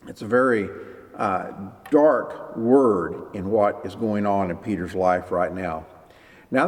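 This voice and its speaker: A male pastor delivering a sermon with a widely swinging, animated pitch. He lifts his voice to act out quoted speakers and drops low for emphasis. The sound carries a long reverb from the church hall. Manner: lively preaching, acting out quoted voices.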